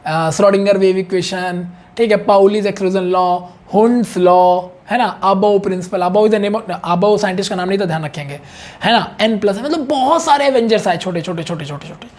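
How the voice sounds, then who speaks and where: Male chemistry tutor, high voice, conversational lecture delivery with constant check-ins and repetition. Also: moderate pace, darkish tone. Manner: chatty, repeats key points, many "ठीक है" check-ins. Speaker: chemistry teacher. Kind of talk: online exam-prep lecture.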